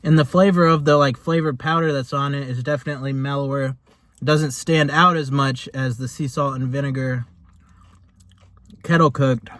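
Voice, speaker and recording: A man's voice: on the high side, fairly bright tone. A man giving a casual, rambling food review in a laid-back, chatty way, as host of a taste test. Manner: rambling, laid-back, hesitant phrasing with lots of "like".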